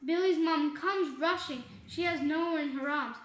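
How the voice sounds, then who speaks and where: A woman reading a children's book aloud, halting, with slips and restarts. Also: high voice. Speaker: reader. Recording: roomy echo.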